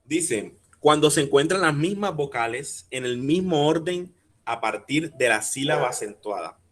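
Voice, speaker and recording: A man's voice: a little high, expressive. Patient man teaching over a call. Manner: patient, explains step by step, spelling out syllables slowly; asks the audience questions and checks understanding. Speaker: workshop speaker teaching rhyme. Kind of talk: online workshop lecture.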